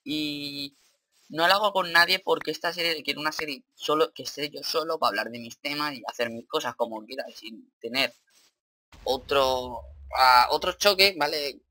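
A young man from Spain with a Spanish accent, commentating his Minecraft play in an excitable, swearing, thinking-aloud way. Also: fairly high pitch, normal speed. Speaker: gaming YouTuber.

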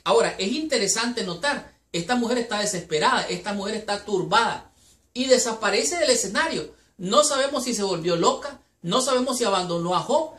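A woman teaching a Sabbath school Bible lesson in an earnest, unhurried way, reading scripture aloud between her explanations. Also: medium pitch, expressive, fairly bright tone. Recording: echoey room.

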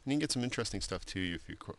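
Low gravelly guy walking through a drawing tutorial, lots of ums, rambly and relaxed. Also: racing, slight background noise. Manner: relaxed, rambling, many fillers and restarts. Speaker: art instructor. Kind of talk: screen-recorded software tutorial.

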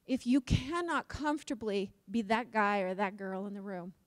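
A woman's voice: medium pitch, normal speed, no echo, clean studio sound. A woman from Utah giving a conference talk, asking the audience questions and joking. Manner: lively, questions the audience, jokes. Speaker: conference speaker.

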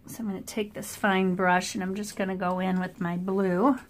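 A middle-aged woman, a watercolor artist, chatting in a relaxed way as she paints at a table indoors, picked up by an overhead camera mic. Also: mid-range voice, normal speed. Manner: relaxed, chatty running commentary. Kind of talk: thinking aloud while painting.

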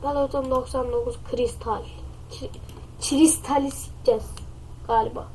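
Nasal woman, high voice, crude joking game commentary, faint hum behind. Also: fairly even intonation, moderate pace, dark tone. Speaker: gaming channel host. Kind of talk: gameplay commentary.

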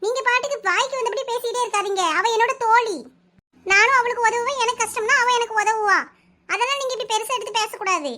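A woman voicing Ambujam, squeaky scolding housewife. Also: quick pace, bright, forceful tone. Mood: indignant. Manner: scolding, argumentative. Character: Ambujam, village housewife, proud, quick-tempered. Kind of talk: animated village comedy voice acting.

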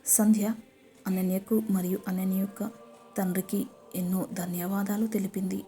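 Mellow-voiced woman narrating a story. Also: medium pitch, level tone, normal speed.

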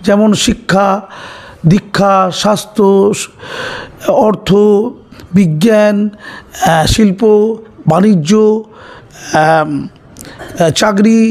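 A man's voice: sits high, darkish tone. A man argues heatedly. His commentary is mocking and sarcastic, and he drives each point home by repeating words over and over. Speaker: political commentator. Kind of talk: impassioned political commentary.

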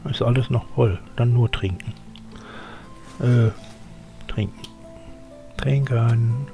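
A man's voice: mid-range voice, slow pace, gravelly, muffled recording, over music. An older man gives chatty live game commentary, muttering to himself and grumbling at his character. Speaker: let's play streamer.

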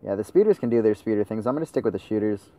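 A man's voice: fairly low pitch, lively intonation, racing, warm tone. A young man commenting over his own gameplay, swearing and ranting at his teammates. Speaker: gaming channel host.

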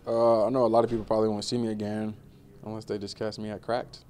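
A young man in his twenties, a college football player, answering questions in a relaxed postgame press interview, with many fillers. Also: lowish voice, quick pace, slight background noise. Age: 20s. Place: indoor media room before a banner.

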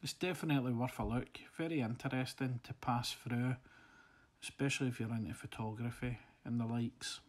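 Relaxed male photographer narrating. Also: mid-range voice, normal speed. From Scotland. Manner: relaxed, friendly, slightly hesitant. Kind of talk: casual voice-over narration. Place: voice-over, not recorded on site.

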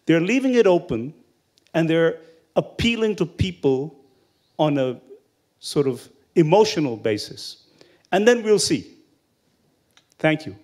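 A man's voice: a little high, sing-song, unhurried, long pauses, a little mellow. A man giving a discursive comment from the audience at a lecture.

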